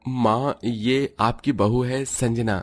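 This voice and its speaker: A man's voice: mid-range voice, steady tone, takes it slowly, soft background music, natural voice. A man playing a firm, protective young husband. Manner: reassuring, firm.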